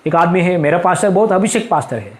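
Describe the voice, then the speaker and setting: A man's voice: high voice, lively intonation, quick pace. A male pastor preaching a fervent sermon in a church, breaking in with hallelujah again and again. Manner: fervent, repeats hallelujah constantly.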